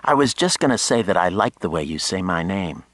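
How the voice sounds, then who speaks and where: A man voicing a quick-witted young woman of about twenty in an audiobook, teasing and eager. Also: low-pitched, very animated, a bit bright, dry recording. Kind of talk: audiobook character voice.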